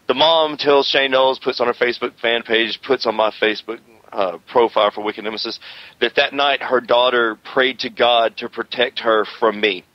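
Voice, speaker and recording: A man's voice: mid-range voice, moderate pace, no room sound. A man hosting a wrestling radio show, telling stories in a boastful, rambling way. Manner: animated, boastful, rambling storyteller. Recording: slightly dull radio audio.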